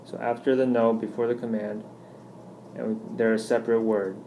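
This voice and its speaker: A man's voice: medium pitch, level tone, muffled recording, a little hiss or hum. Patient man teaching over slides. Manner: patient, explanatory, slows down on examples. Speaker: Spanish teacher. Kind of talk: recorded slideshow lesson.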